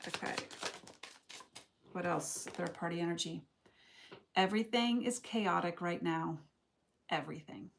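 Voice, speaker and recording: Slow, rambling young woman reading tarot. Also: lowish voice, creaky, slight background noise. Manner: rambling, reflective, loose and chatty. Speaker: tarot reader. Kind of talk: casual live tarot reading.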